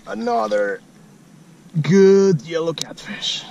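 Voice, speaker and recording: Excited man whooping over a catch. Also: a little high, slow pace, lo-fi sound. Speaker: kayak angler. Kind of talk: fishing vlog commentary. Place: kayak on a lake outdoors.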